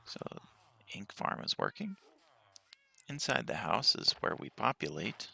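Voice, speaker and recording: A man giving a relaxed tour of his game world with a just-woken-up morning voice, pausing often and speaking softly. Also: on the low side, vocal fry, slightly rough. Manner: relaxed walkthrough with frequent pauses and fillers. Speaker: game player.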